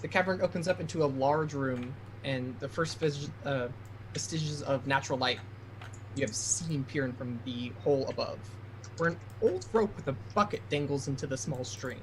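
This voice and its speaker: Male game master, mid-pitched, faint noise. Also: normal speed, poor audio. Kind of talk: narrating a tabletop game.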